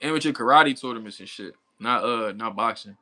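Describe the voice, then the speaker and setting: A boxing commentator in his thirties talks casually with his live chat, easygoing and full of slang, laughing often. His voice sits at a medium pitch, with a sharp tone and a fairly quick pace.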